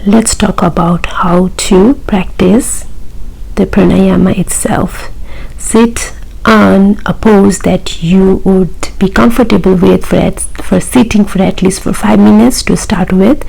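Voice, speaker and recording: A woman yoga instructor teaching breathing practice in an unhurried, gently instructing way, with a husky, breathy voice. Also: mid-range voice, fairly even intonation, low-quality recording.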